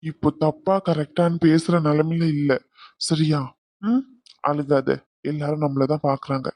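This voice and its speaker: A man voicing a soft, coaxing young groom. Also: a little high, fairly even intonation, unhurried, no echo. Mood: soothing. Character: young groom, gentle and doting. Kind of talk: cartoon voice acting.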